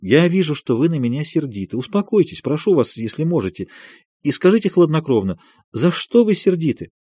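Man doing a soft, apologetic elderly doctor in an audiobook, dry studio sound. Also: a little high, sing-song, brisk, breathy edge, no echo. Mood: placating. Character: gentle, meek older male doctor. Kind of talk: audiobook character reading.

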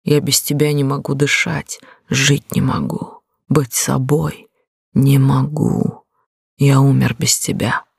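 Brief: a reader plays a hoarse, guilt-torn young man in an audiobook, pleading through gravel. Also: mid-range voice, level tone, slow pace, no echo, clean studio sound, full character voice. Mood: anguished. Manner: pleading, broken, intense. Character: tormented guilt-ridden young man, lover. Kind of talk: audiobook reading.

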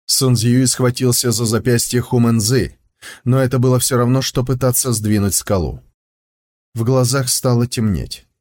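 A man reading an audiobook with steady, measured scripted narration. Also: medium pitch.

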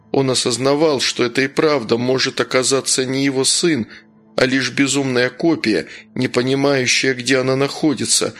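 A man reading a horror story aloud in a steady narrating voice. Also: mid-range voice. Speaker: audiobook narrator. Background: faint music.

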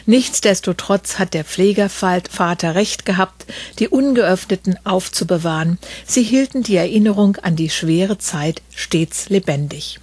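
A woman's voice: on the low side, measured pace, a little mellow, slightly rough, dry recording. A woman hosting a podcast, reading a story aloud and then interviewing a guest with eager questions and many fillers. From Berlin.

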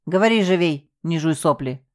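A woman's voice: sits low, expressive, normal speed. A woman voicing a stern, cold female castle manager who scolds and threatens a subordinate in an audiobook. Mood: scolding.

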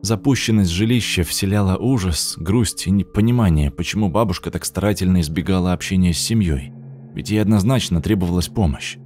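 A man narrating an audiobook in a steady, measured reading voice. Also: deep voice, faint music behind.

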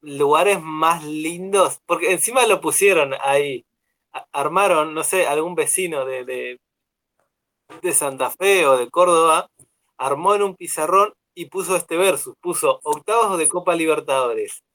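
Young Argentine man, radio co-host, slightly high voice, rambling, filler-heavy casual chat. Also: a little slow. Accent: Argentine Spanish. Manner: rambling, relaxed, many fillers.

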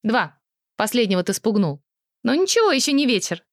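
A woman's voice: fairly high pitch, dry recording, clean studio sound. Woman doing a tipsy, indignant young woman. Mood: teasing. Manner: excitable, emotional, quick to take offence.

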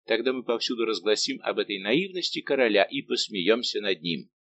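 A man's voice: on the low side, lively intonation, fairly quick, a bit bright, lo-fi sound. A man reading as a bitter, mocking young king. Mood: cold. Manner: cold, sarcastic.

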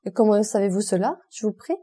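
A cool, ironic aristocratic count giving orders with dry mockery, as a woman reads him in a storybook. The voice is mellow and softly breathy, calm and imperious, never hurried. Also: mid-range voice. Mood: cool commanding.

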